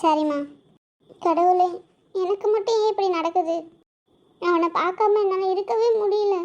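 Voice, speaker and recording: A young woman playing a sad daughter who misses her lover, talking softly in an amateur audio drama. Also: very high voice, unhurried. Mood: subdued. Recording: dull, lo-fi recording.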